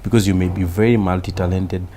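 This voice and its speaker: A Kenyan man with a Kenyan accent, a comedian chatting in an interview, animated and mixing in Swahili. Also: low-pitched, fast, slight background noise. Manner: animated, mixes Swahili, acts out quoted voices. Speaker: comedian guest. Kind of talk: casual interview chat.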